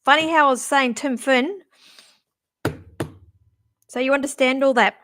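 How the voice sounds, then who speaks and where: A woman's voice: high-pitched, fairly even intonation, a bit bright, a little hiss or hum. A middle-aged woman giving a casual live-stream psychic reading, musing aloud and stopping and restarting as she talks. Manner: chatty, musing aloud, halting with restarts and fillers. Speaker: psychic reader.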